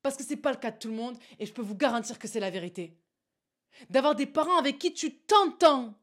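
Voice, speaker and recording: Young adult woman, slightly high pitch, casual motivational monologue to camera, animated and direct. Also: a little fast. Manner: emphatic, animated, addresses the listener with frequent "tu vois". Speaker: motivational vlogger.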